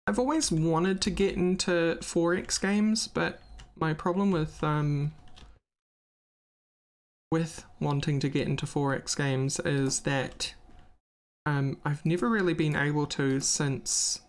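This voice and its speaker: A man's voice: a little high, slow. Chatty man streaming a game. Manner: chatty, thinks aloud while playing; thanks viewers by name. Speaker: live streamer. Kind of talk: casual gameplay commentary.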